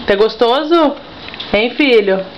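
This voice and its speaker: A young mother feeding her toddler uses sing-song baby talk, coaxing and repeating herself in a fairly high, expressive voice at a slow pace. The home video sounds dull and lo-fi, with a little noise.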